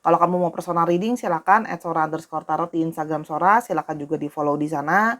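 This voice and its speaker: A deep-voiced woman talks fast, her tone fairly bright, while doing a laid-back tarot reading. She addresses her viewers directly in a friendly, repetitive style.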